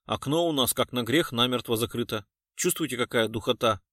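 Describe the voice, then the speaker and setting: A man's voice: medium pitch, fairly quick, fairly bright tone, dry recording, clean studio sound, lightly acted. A man voicing a formal male army engineer major who answers in clipped military phrases.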